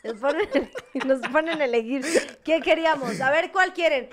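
A woman's voice: sits high, moderate pace. A young adult woman with a Mexican accent, telling a story in a casual chat, slangy and laughing, acting out what others said. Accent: Mexican Spanish. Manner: laughing, slangy, acts out quoted voices.

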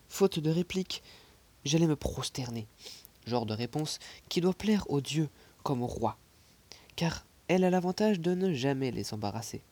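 Husky man reading a classic novel. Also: on the high side. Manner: expressive, with soft whispered passages and asides. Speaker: audiobook reader.

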